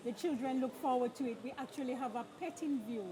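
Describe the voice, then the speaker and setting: Crowd chatter surrounds a woman with a high voice who talks fast while hosting a live outdoor broadcast. She keeps things upbeat, feeding questions to her co-host.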